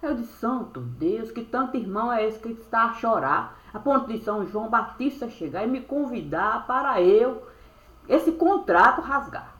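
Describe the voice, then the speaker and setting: A woman telling a spiritual story as a monologue, in rhyming, sing-song phrases that end on drawn-out verbs, recorded on a webcam. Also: on the high side, animated, fairly bright tone. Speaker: storyteller recounting a spiritual experience. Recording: echoey room.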